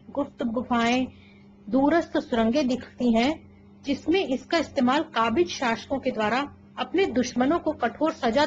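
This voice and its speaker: A female presenter reads a scripted news feature in a measured, storytelling manner. Her voice is a little high. The recording is dull and lo-fi, with a faint hiss underneath.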